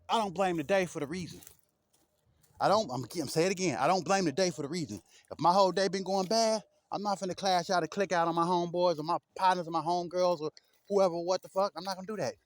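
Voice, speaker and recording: A man rants loosely to his camera, blunt and full of profanity. His voice sits somewhat high, and the sound is close and dry, with no room echo. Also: a little fast. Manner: blunt, profane, rambling street talk with repeated asides. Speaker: vlogger. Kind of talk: casual rant to camera.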